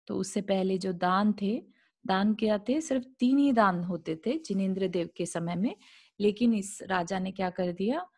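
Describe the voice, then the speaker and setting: A woman's voice: mid-range voice, moderate pace, darkish tone, breathy edge. A woman teaching a scripture class over a video call. She reads an old religious text aloud, then explains it in simple words and asks the class rhetorical questions.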